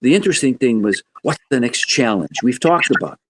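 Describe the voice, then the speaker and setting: Animated man in his seventies. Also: brisk, breathy edge. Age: 70s. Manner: animated, joking, wide swings in pitch. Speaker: guest musician. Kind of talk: podcast interview storytelling.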